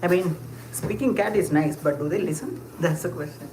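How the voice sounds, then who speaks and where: A darkish, mid-range voice at normal speed comes from a streamer answering chat while walking. Their casual live talk wanders, packed with fillers and short laughs, captured in an echoey space with clear surrounding noise.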